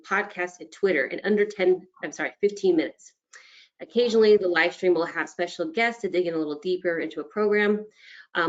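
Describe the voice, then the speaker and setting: A woman with a fairly low voice delivers brisk program updates in a webinar presentation. She keeps things moving but trails into ums and self-corrections along the way. The call audio sounds dull and lo-fi. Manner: brisk, informative, with frequent ums and restarts. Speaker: state agency presenter. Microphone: video call.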